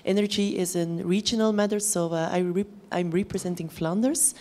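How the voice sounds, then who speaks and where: Low-voiced Flemish woman panelist. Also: steady tone, moderate pace, dark tone. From Belgium. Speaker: panel speaker, project manager. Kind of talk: conference self-introduction.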